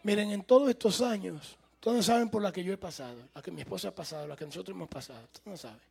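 A man preaching a sermon as a pastor, with emphatic, animated delivery and acted-out quotes to his congregation. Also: high-pitched, fast talker, creaky, crowd noise. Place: church sanctuary.

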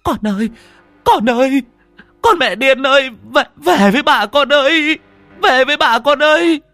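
A frantic old grandmother wails and pleads through tears in a storybook reading, as a male narrator puts her on. The voice sits far above a man's normal pitch and comes out loud and strained, over faint background music. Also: animated, unhurried, dry recording, exaggerated voice. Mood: desperate calling. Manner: sobbing, pleading cries.

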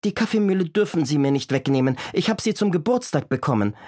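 Man playing an old grandmother, high thin voice, storybook reading. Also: animated, fast, darkish tone. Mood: pleading. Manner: indignant, pleading. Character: indignant old grandmother, plucky then pleading.

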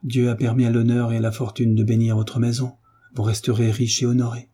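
A man's voice: mid-range voice, little pitch movement, brisk, mellow, breathy edge, natural voice. A man reading the cold, firm lines of a resolute young son in an audiobook. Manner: icy, firm.

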